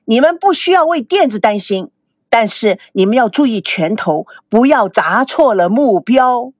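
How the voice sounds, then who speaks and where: A woman's voice: on the high side, animated, normal speed, slightly rough, no room sound, studio quality. A woman voicing an upbeat female workshop trainer in an audiobook, commanding and coaxing the class. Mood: teasing.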